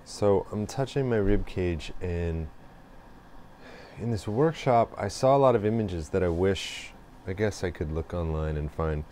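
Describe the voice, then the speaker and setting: A man with a very low voice reflects aloud in a slow, wandering way, pausing often and trailing off with fillers. A faint hiss sits under the recording. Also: mellow. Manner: slow and meandering, with many pauses and fillers. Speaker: host. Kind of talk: reflective spoken monologue.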